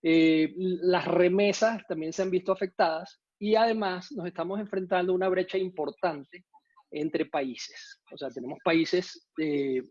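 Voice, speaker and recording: A Venezuelan man gives a conference talk in Spanish, his Venezuelan accent touched by some Mexican usage. His slightly high, darkish voice keeps a fairly even intonation, and he hesitates often, pausing on fillers and restarting phrases. The sound is dry and somewhat muffled, like a video call, with no room sound.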